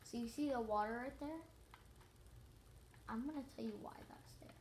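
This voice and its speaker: A high-voiced teenage girl rambles cheerfully through a tour of her game base, filler words everywhere. Her voice rings a little in a roomy living room, caught on a phone with a faint hiss behind it. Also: normal speed, darkish tone. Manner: chatty, rambling, lots of "like" and "so". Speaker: gamer giving a house tour.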